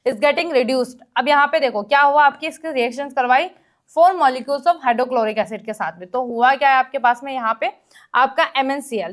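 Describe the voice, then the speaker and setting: A woman teaching an exam-prep lesson. She explains each step and keeps asking the class questions, reads English question text slowly, and coughs now and then. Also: high-pitched, fairly bright tone.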